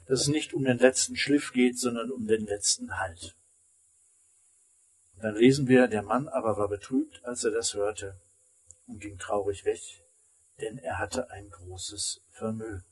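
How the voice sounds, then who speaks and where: Husky man preaching a sermon. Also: medium pitch, a little mellow. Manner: emphatic preaching, rising and dropping to near silence. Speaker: pastor.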